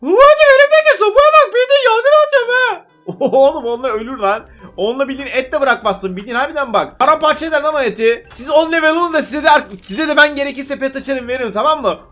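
A man's voice: very high voice, quick pace, few pauses, a bit bright. A man giving casual, chatty gameplay commentary to his viewers. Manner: chatty, addresses viewers as friends. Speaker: gaming YouTuber. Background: faint background music.

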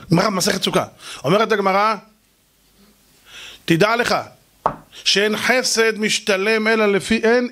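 A man's voice: sits high, a bit bright. A man preaching as a rabbi, telling stories animatedly, acting out quoted voices and putting rhetorical questions to his listeners. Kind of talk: sermon.

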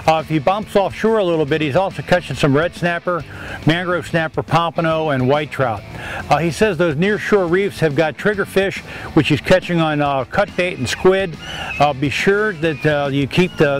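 Brief: older male fishing-report presenter, slightly high voice, talking to camera outdoors by the water with plenty of "uh" fillers. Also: moderate pace. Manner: reads a report with frequent uh fillers.

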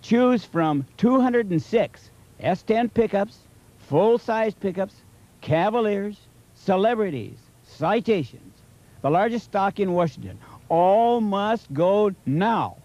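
A man speaking as a car dealer pitchman in a local TV commercial. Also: lively intonation, a little slow, darkish tone. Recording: dull old TV tape audio.

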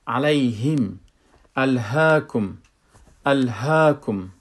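A man giving a spoken tajweed lesson, explaining letter sounds plainly and repeating each example word slowly and loudly. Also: mid-range voice, gravelly. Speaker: Quran recitation teacher.

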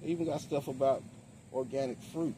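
A middle-aged man with a mellow voice talks briskly and evenly while demonstrating gardening supplies in his backyard. The home gardener vlogger keeps it casual and plain, and the outdoor recording is noisy, with a rumble resembling traffic.

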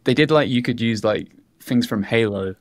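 A man with a British accent, a podcast guest, talking in a halting, monotone way in casual chat. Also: medium pitch, dry recording, studio quality. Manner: self-described monotone, halting.

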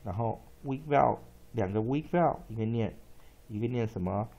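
A man teaching English spelling and pronunciation, spelling words out letter by letter and repeating each one slowly. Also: lowish voice, vocal fry, highs cut off. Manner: slow, drawn-out repetition of words and letters.

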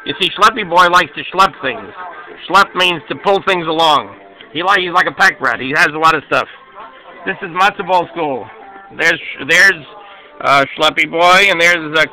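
A man reading a children's picture book aloud, pausing to explain each page in a chatty, halting way. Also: high-pitched, pushed and bright, rough recording. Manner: chatty, explains as he goes, hesitant restarts. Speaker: storybook reader.

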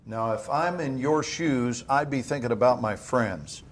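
An actor playing a calm, measured interrogator in a video game cutscene. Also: male voice, medium pitch, lightly acted. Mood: probing. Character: calm, probing male interrogator.

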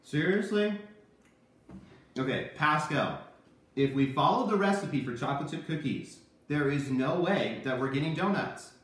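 This kids' Bible lesson, delivered emphatically and repetitively with help from a puppet, comes from a man in his thirties in his kitchen. His slightly high voice has lively intonation and a measured pace, and the room sounds very echoey from a distant microphone.

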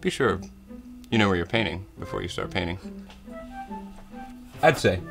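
Deep-voiced man hosting a comic painting tutorial. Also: animated, normal speed, vocal fry, over music. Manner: soft-spoken tutorial voice slipping into crude jokes. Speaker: comedy host. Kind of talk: comedic painting tutorial parody.

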